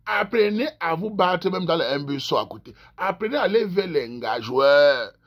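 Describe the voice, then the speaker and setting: A man's voice: high voice, normal speed. A man from Cameroon, giving theatrical advice in a vlog. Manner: theatrical, lively, jumps into acted voices. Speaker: advice vlogger. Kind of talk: animated advice monologue.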